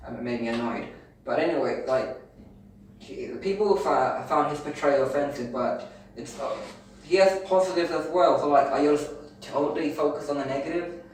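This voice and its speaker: A man's voice: on the high side, normal speed, a little hiss or hum. A British man co-hosting a podcast, arguing his points in a rambling, repetitive way during a casual debate. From Britain. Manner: rambling, argumentative, repeats himself. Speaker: podcast co-host. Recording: very echoey room, distant mic.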